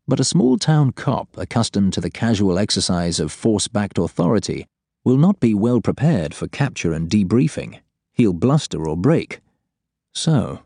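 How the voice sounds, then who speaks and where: A man's voice: lowish voice, warm tone, no room sound, studio quality. A man reading scripted fiction as an audiobook narrator.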